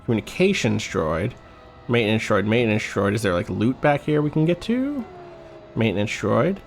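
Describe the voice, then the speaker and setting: A man's voice: on the low side, animated, brisk, gravelly, faint music behind. A man hosting a podcast, giving casual let's-play commentary in a laid-back, joking way. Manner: laid-back and joking, with beeping droid noises. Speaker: podcast host playing a video game.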